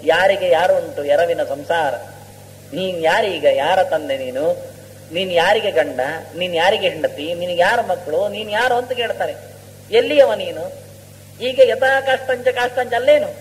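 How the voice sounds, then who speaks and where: Man, high voice, religious discourse, slow verse chanting, long hall reverb. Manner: storytelling, recites Sanskrit verses slowly. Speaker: scholar giving a religious discourse. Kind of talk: epic discourse. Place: lecture hall. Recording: reverberant hall, faint hum.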